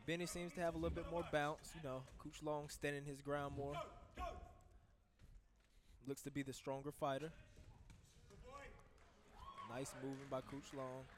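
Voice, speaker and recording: A man's voice: on the high side, flat delivery, moderate pace, long pauses. A man giving conversational color commentary ringside at a kickboxing match, breaking down technique. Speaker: fight commentator. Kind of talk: live sports commentary. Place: ringside at a live kickboxing event.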